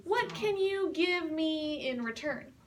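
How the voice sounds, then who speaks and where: A woman voicing a talking frog from a storybook, speaking in a gently coaxing way. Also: very high voice, expressive, slow, full character voice. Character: talking frog bargaining by a pond. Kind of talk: storybook read-aloud for learners. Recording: distant mic with faint hiss.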